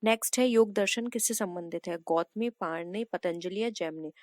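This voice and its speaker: A woman's voice: mid-range voice, normal speed, darkish tone, dry recording. A woman teaching an exam prep lesson, walking step by step through multiple-choice answers and addressing viewers as friends.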